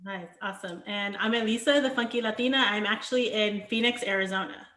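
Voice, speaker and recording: A woman's voice: medium pitch, fairly quick, a bit bright, echoey room. A woman interviewing a band over a video call, upbeat and friendly, with many fillers. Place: her home in a large US city.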